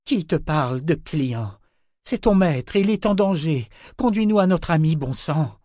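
A man's voice: medium pitch, animated, moderate pace, a little mellow, no room sound, studio quality, pitched above the performer's own voice, lightly acted. Man voicing a commanding sorceress. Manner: commanding, urgent. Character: fierce determined sorceress, young woman.

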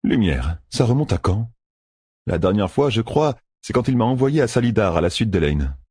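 A man narrating an audiobook in an expressive, measured way, recorded close and dry. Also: fairly low pitch, husky, no room sound.

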